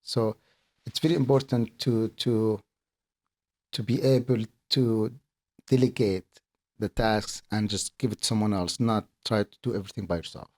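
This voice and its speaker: A middle-aged man from Kuwait talks as an interview guest, earnest and a little halting, often circling back over his words. His voice sits on the low side. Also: steady tone, a little mellow. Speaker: podcast guest, accountant and business owner. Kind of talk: casual interview talk.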